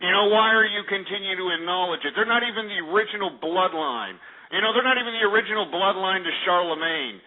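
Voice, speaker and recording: An American radio host, his voice high and his intonation lively, talks fast as he runs a call-in show. He rants combatively, blustering and mocking, and keeps cutting in on callers. The audio is tinny, like phone-quality internet radio.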